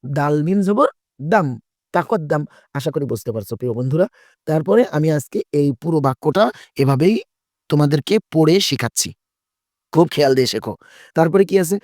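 Male Quran teacher, patient and repetitive, a touch high-voiced, dry close sound. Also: animated, fairly quick, pauses often, darkish tone, no echo. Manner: patient, repetitive, asks and answers his own questions. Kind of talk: tajweed lesson, spelling out letters.

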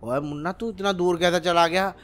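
A man's voice: high-pitched, steady tone, a little fast, a bit bright. A man voicing a bossy older cartoon cat brother who exclaims and teases. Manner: exclaiming, teasing.

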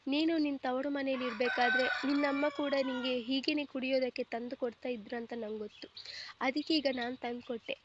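A woman's voice: high voice, fairly even intonation, a little fast, dull audio, very noisy, natural voice. A woman voicing an affectionate middle-aged mother-in-law in a storybook reading, tender and soothing.

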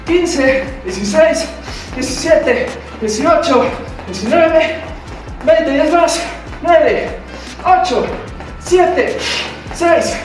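A young male gym coach barks out rep counts and short urgings, very high in pitch and very slow in delivery. He is working out as he calls. His voice comes from far off in a very echoey room. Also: soft background music. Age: young adult. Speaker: fitness coach leading a workout. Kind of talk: motivational workout instruction. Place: bare tiled room with hard walls. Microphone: camera several metres away.

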